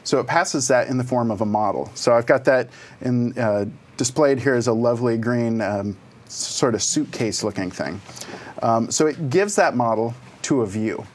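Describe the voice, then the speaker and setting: A man co-presenting a programming course, explaining slides step by step in a relaxed way with dry humor. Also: medium pitch, normal speed. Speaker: co-presenter of a web development course. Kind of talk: casual technical explanation.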